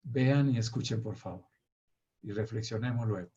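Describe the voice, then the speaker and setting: Male motivational speaker from Colombia, dark husky voice, dull lo-fi sound. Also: lowish voice, normal speed. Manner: addresses the audience directly with hesitant fillers. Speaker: speaker in a talk series. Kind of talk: motivational lecture.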